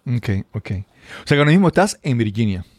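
A man's voice: medium pitch, sing-song, fast, no echo, studio quality. A man hosts a podcast. He introduces the show and asks his guest friendly follow-up questions. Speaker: podcast host.

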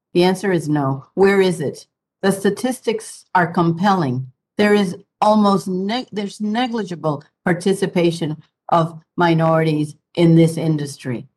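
A woman answering as a panelist, unscripted, in a blunt and insistent way. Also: fairly low pitch.

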